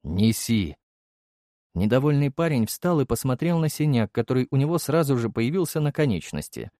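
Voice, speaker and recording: A man narrating a first-person fantasy audiobook, briskly, with gruff, curt lines for the hero. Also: medium pitch, a little mellow, no echo, studio quality.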